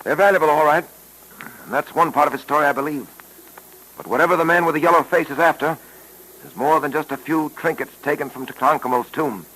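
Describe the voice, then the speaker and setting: An actor playing an earnest male police detective in a 1940s radio drama, speaking calmly and with authority. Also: on the high side, low-quality recording. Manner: calm, measured, authoritative.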